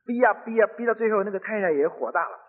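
A man's voice: sits high, lively intonation, fast talker. A middle-aged man preaching, telling a story earnestly and conversationally in a radio sermon. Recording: tinny phone-like radio broadcast with long reverb.

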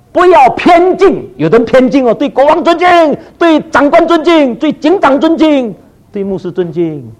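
A man preaching a sermon, animated and full of rhetorical questions to his listeners, with short English phrases dropped in. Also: very high voice. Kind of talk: sermon to a congregation.

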